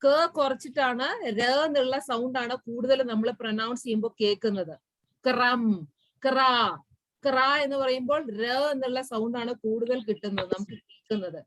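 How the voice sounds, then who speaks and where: A woman with a Malayali accent teaching a school Hindi lesson online, repeating words slowly and sounding out each syllable. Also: a little high, dry recording, rough recording. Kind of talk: online class explanation.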